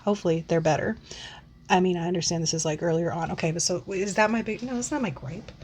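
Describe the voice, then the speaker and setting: A woman's voice: on the low side, fast, a little mellow, a little hiss or hum. A woman in her forties ranting casually into the camera, rambling and swearing, with frequent sighs and filler words. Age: 40s. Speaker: book vlogger. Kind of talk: casual rant.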